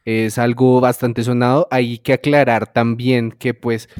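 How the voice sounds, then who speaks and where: A man's voice: mid-range voice, level tone, measured pace, darkish tone, no echo. Male co-host, opinionated and explanatory, close dry mic. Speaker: podcast co-host. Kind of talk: casual review chat.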